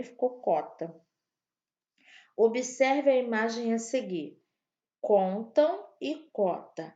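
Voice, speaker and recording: A woman teaching an online grammar lesson to young children, slow and patient, spelling out each word. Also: on the high side, darkish tone, highs cut off. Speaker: primary school teacher.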